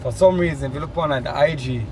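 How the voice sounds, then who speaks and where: Loud excitable Jamaican man vlogging. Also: on the high side, fast, a little hiss or hum. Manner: loud, excitable slangy talk. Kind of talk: casual vlog chat.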